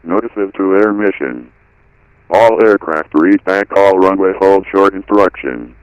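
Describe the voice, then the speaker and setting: A man's voice reading an automated airport weather broadcast over the radio, reciting numbers and runway notes in an even, clipped way. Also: low-pitched, measured pace, clean tone, no echo, muffled recording. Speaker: automated airport information recording.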